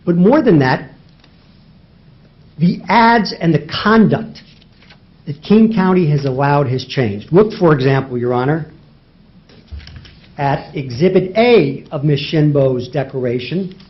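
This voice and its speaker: A man addresses a judge in a courtroom oral argument, his voice pitched high for a man. He drives his case with rhetorical questions and repeats key words for emphasis. The recording is dull and lo-fi. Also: unhurried, pauses often. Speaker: lawyer arguing in federal court.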